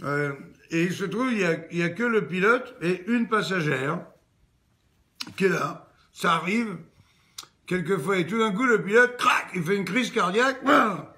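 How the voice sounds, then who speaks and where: Man telling jokes in a high voice. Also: moderate pace, bright, forceful tone. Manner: casual, addresses the listener with "tu vois". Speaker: joke teller.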